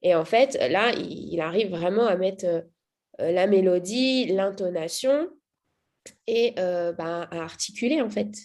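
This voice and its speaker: A mother telling how her child has changed, speaking casually with frequent pauses, fillers and restarts. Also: on the low side, darkish tone. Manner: hesitant, many fillers and restarts. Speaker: mother giving a testimonial. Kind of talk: casual spoken testimonial.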